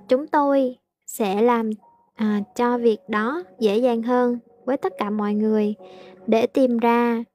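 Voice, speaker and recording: A woman English teacher, translating aloud slowly in a casual lesson with frequent hesitations. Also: fairly high pitch, a little mellow, a little hiss or hum.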